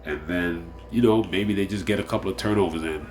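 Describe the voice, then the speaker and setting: Speaking fairly quickly in a low, slightly mellow voice, a man presents a laid-back solo fantasy sports preview with a touch of hiss or hum. His nasal, under-the-weather tone carries a rambling delivery full of fillers and repeated phrases.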